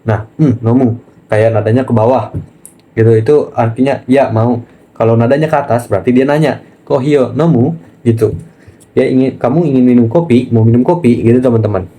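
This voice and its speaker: A man teaching a casual online language lesson, chatty and relaxed, often pausing on fillers and speaking to viewers as friends. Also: mid-range voice. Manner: chatty, keeps saying "nah" and addressing viewers as friends.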